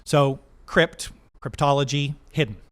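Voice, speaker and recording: A man's voice: on the high side, unhurried, a bit bright. A man who works at a zoo, a guest on a casual podcast, eagerly explaining animal facts and quizzing the hosts. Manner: enthusiastic, explanatory, laughs at own jokes.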